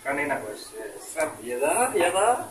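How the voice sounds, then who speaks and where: Over a noisy, clicky home video, a young man presents a product review he's selling, keeping things casual and calling the viewer boss. His voice is a little high and very animated, yet unhurried.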